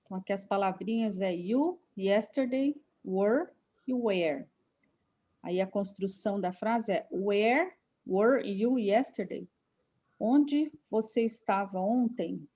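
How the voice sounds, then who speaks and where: Female Brazilian student, warm mellow tone, slow, lo-fi call sound. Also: medium pitch. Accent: Brazilian Portuguese. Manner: reads answers out carefully.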